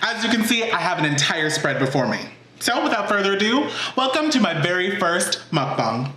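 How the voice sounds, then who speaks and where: Guy doing a chill mukbang vlog, kinda high voice, lots of um and like, echoey kitchen. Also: big pitch swings, fairly quick, sharp tone. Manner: chatty and encouraging, many "um" and "like" fillers. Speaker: cooking channel host. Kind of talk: casual mukbang vlog talk. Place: home kitchen. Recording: echoey room.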